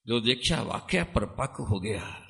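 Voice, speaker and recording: A man preaching a sermon, chanting verses and leading the crowd in call-and-response, often rising to loud, high exhortation. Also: animated, measured pace, vocal fry. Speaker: Sikh preacher. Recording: long hall reverb.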